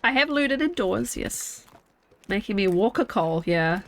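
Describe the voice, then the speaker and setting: A young woman streams a game from home, her nose stuffed up and congested as she chats casually and thinks out loud. Her voice sits at medium pitch, lively but unhurried.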